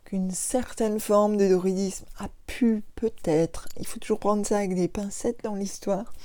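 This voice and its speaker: A woman with a mellow, warm voice talks her audience through a casual lecture. She hesitates often and wanders into asides before picking the thread back up, in an unhurried, chatty way. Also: medium pitch, fairly even intonation. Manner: digressive, with frequent hesitations and asides. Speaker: host of an esoteric talk stream.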